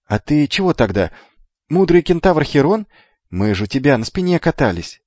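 A man voicing a brash, excitable young boy twin who talks loudly and insistently. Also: on the high side, normal speed, dry recording, voice pushed up. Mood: excited. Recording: dull lo-fi with faint music.

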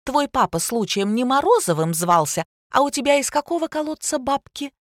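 A brash, sly schoolteacher, as a woman reader puts her on in a storybook reading, her tone mocking and quick, a shade higher than the reader's own low voice. The sound is dry and close, with no room around it. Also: very animated, no echo. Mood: attacking. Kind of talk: audiobook character reading.

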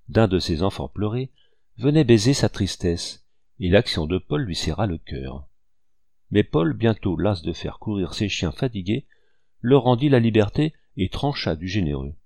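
A man reading an old storybook aloud in a measured, expressive way. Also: lowish voice, no echo. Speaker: audiobook reader.

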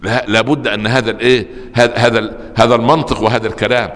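A man with an Egyptian accent giving a religious lesson to a live audience, telling stories with lively asides and tossing rhetorical questions to his listeners. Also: mid-range voice, racing, big-room sound. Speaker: preacher teaching a religious lesson.

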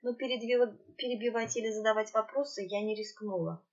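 A woman reading a fantasy novel aloud in the first person, with an even storytelling manner. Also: a little high, fairly quick, highs cut off. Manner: even storytelling, occasional slips. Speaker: audiobook narrator.

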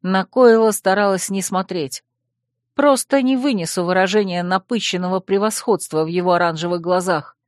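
Audiobook narrator: measured, expressive delivery, mid-range pitch, dry close mic. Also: no room sound.

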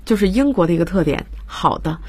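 A woman's voice: on the low side, animated, fast talker, darkish tone, husky, dry recording. A woman English teacher on a radio program, explaining grammar in Chinese and reading English example lines. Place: radio studio.

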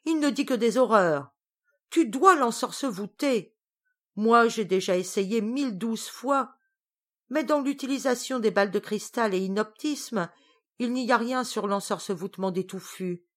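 A woman's voice: fairly high pitch, animated, measured pace, voice pushed up. A woman doing a whiny vain witch. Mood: indignant. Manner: indignant, whiny.

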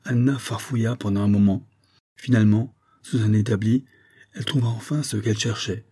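A man narrating an audiobook in a steady, measured reading voice. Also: on the low side, slightly rough. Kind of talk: scripted narration.

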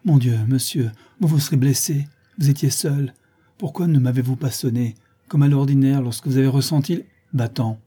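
A man's voice: medium pitch, fairly even intonation, moderate pace, dark tone, husky, close to an everyday voice. A man voicing a devoted, anxious old valet who pleads with his master in a trembling voice.

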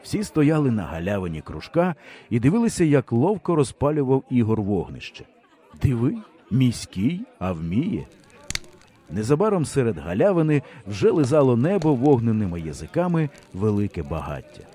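Expressive male audiobook narrator. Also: medium pitch, fairly quick. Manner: expressive, humorous storytelling. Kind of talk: scripted narration.

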